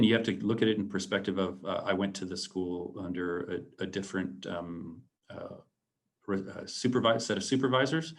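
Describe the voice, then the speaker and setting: Low-voiced man giving a halting talk. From San Antonio, Texas. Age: late 40s. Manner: halting, many ums and restarts; earnest, reflective. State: a little choked up. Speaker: alumnus guest speaker. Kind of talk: presentation to students.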